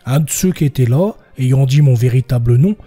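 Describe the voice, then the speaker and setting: Podcast narrator, male, husky and mellow, reads historical testimony, a faint music bed underneath. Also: normal speed. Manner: reads quoted villagers with raised pitch, slips and restarts. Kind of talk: reading historical court testimony aloud.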